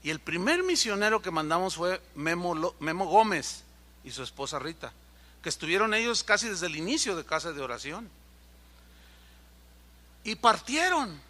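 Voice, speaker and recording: A man preaching a sermon as pastor, acting out quoted conversations in an animated way. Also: high-pitched. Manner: animated, acts out dialogue in quoted voices.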